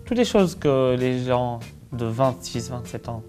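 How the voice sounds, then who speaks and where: A man of twenty-six from Belgium, a student speaking in simple, halting sentences with fillers. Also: medium pitch, expressive. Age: 20s. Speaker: university student. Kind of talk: testimonial interview. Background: plucked guitar music.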